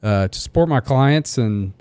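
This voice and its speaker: A man's voice: mid-range voice, expressive, a little slow, mellow, clean tone, no room sound. A man in his forties, co-hosting a podcast, talking in an easygoing, reflective way and laughing often. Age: 40s. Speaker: podcast host. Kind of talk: casual chat.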